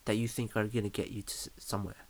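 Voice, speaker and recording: A man's voice: lowish voice, flat delivery, very fast, dry recording. A young man, chatting casually and slangily as a podcast host, often repeating phrases for emphasis. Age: young adult. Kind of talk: casual chat.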